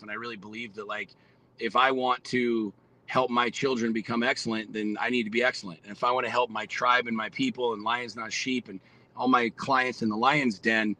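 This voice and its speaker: A man's voice: medium pitch, bright, forceful tone, rough recording. Blunt, fired-up man in his forties. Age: 40s. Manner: blunt, profane, fired-up motivational talk. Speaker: podcast guest. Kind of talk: casual podcast conversation.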